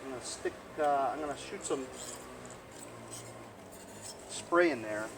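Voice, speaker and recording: Middle-aged guy chatting through a mower fix in the yard, steady mid voice, clear outdoor noise behind. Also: medium pitch, unhurried. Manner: chatty, explains step by step, keeps asking "right?". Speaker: small-engine repair video host. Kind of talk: casual hands-on repair walkthrough. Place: outdoors in a sunny backyard.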